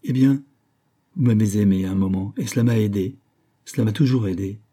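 Audiobook, resigned young woman voiced by a man, soft, dark tone, husky edge. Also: on the low side, fairly quick. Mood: gentle. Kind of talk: audiobook reading.

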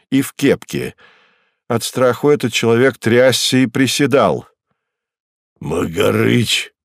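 A man from Russia narrating a literary audiobook in a measured, expressive reading. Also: mid-range voice, no room sound, studio quality.

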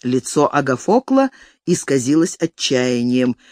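Expressive audiobook reader, pitch all over the place, dead dry close mic. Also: measured pace, no echo. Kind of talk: scripted narration of a classic novel.

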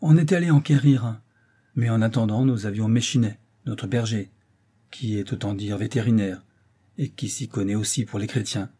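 A man's voice: fairly low pitch, normal speed, mellow, breathy edge. A man voicing an old, distressed servant of a duke, speaking in an agitated, fretful way in an audiobook reading. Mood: grave.

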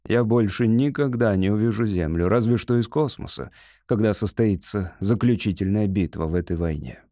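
A man reading an audiobook, voicing a calculating male human officer who speaks in a measured, thoughtful way. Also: lowish voice, warm tone, dry recording, studio quality, close to an everyday voice. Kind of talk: audiobook character voice.

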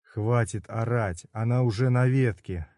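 Brief: a male reader plays a blunt, stern comrade, low and mellow, storybook reading, dry sound. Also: a little slow, no echo, natural voice. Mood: curt. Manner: curt, blunt. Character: stern weary man calming his comrade.

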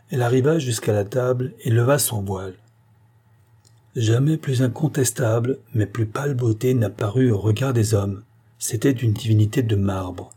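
A man narrating a classic novel as an audiobook, reading in a measured, solemn way. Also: mid-range voice, warm tone, husky. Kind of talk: scripted narration.

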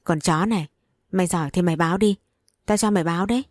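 A woman's voice: lowish voice, a little mellow, no room sound, studio quality, lightly acted. A woman playing a foul-mouthed spiteful nurse. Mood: contemptuous. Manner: foul-mouthed, contemptuous, fast.

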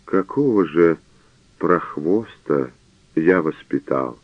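A man voicing an old male canon who shouts and chokes with anger, on a narrow phone-like radio recording. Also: deep voice, expressive, measured pace, dry recording. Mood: weak, crushed. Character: old male canon, furious, sputtering with rage.

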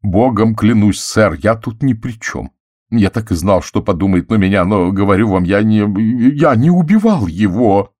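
In an audiobook, a man voices a nervous, servile middle-aged butler who pleads and stammers slowly and anxiously. His deep voice is expressive, and there is no room sound.

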